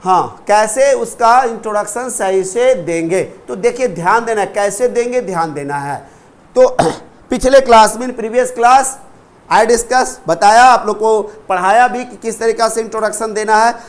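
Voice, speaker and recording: A man from India teaching spoken English in a live online class, drilling short phrases slowly and repeating each one several times. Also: sits high. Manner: calls on viewers by name in a friendly way.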